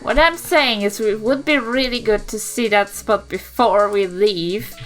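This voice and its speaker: A woman with a New Zealand accent plays in a tabletop roleplaying podcast, speaking in a medium-pitched, fairly bright voice that's a little slow, over soft background music. The talk is casual improvised game chat, and she comes across as questioning and sceptical.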